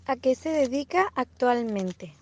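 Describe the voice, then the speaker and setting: Una mujer que hace preguntas breves y formales de entrevista. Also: female voice, high-pitched, lively intonation, a little slow, darkish tone. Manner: short, formal questions. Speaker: interviewer. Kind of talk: reading interview questions.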